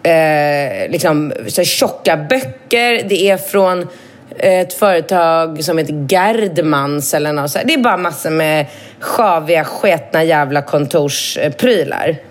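Woman, thirties, casual podcast chat, lively storytelling, swears a lot, quite low voice. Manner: swears freely, acts out quotes with big pitch leaps.

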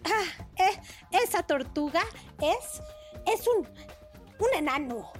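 A woman's voice: very high-pitched, expressive, slow, soft background music, pitched above the performer's own voice, full character voice. A woman voicing a proud, tired female hippo in a children's story, muttering and hesitant. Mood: stubborn.

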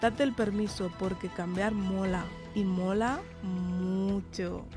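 A woman from Spain, sick with tonsillitis, a fever and a sore throat, hosts a podcast and speaks straight to the listener in an earnest, encouraging motivational monologue. Her mid-range voice is slow with fairly even intonation, and music plays behind her.

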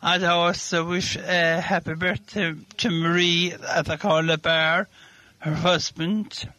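A high-voiced, bright Irish man laughs and chatters through a rambling, jolly interview. He drawls his words out slowly. It comes from an old 1980s local radio recording. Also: flat delivery, dry recording. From Ireland. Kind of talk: casual radio interview chat.

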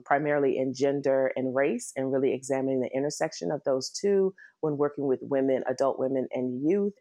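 A woman's voice: a bass voice, darkish tone. A middle-aged American woman with a Washington, DC accent, telling her own story conversationally as an interview guest. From Washington, DC, United States. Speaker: interview guest, nonprofit executive.

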